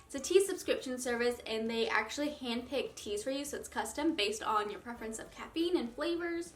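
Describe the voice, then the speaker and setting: A woman's voice: fairly high pitch, lively intonation, fairly quick, soft background music. A young woman in her twenties chatting casually to camera in a beauty vlog, bubbly and filling her talk with "like". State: out of breath. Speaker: beauty vlogger.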